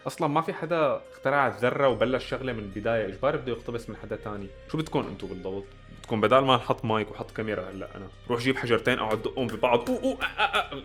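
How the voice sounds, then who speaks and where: A man's voice: mid-range voice, a bit bright. A young man with a Levantine Arabic accent, giving blunt, sarcastic reaction commentary. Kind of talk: casual commentary.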